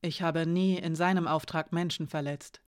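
A woman voicing a composed female spy who speaks softly, calmly and earnestly. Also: low-pitched, moderate pace, smooth, lightly acted. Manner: soft, calm, earnest.

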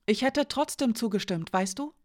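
A woman's voice: on the high side, normal speed, pitched above the performer's own voice, lightly acted. A woman voicing a tearful, guilt-ridden young woman. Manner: pleading, emotional.

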